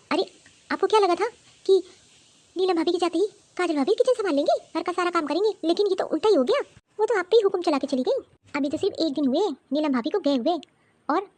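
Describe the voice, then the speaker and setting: A woman's voice: extremely high pitch, animated, brisk, pauses often, darkish tone. A woman voicing a young sister-in-law in a cartoon, with a gossipy, teasing way of talking. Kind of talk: cartoon voice acting.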